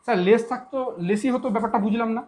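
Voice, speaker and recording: A woman's voice: fairly high pitch, steady tone, rapid-fire, darkish tone, close to an everyday voice. A woman voicing a curious student who politely questions the teacher. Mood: puzzled.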